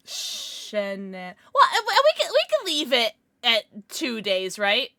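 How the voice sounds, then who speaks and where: A woman livestreamer chatting casually with her viewers in a playful, giggly, excitable manner. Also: a little high. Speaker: live streamer, host.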